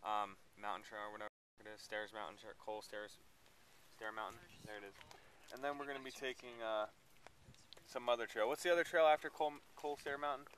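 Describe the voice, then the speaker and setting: A young man talks quickly and offhandedly while out hiking, rambling as he works through the route. His voice is bright and forward. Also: fairly low pitch, steady tone, a little hiss or hum. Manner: offhand, rambling over trail names. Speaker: hiking companion. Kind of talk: casual chat. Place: outdoors on a mountain trail.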